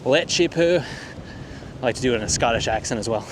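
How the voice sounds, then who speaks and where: A man's voice: fairly low pitch, steady tone, brisk. A man who is a landscape photographer, talking in a rambling, laid-back, self-deprecating way on a casual walk-and-talk vlog outdoors on a cold morning. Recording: wind buffeting the mic outdoors.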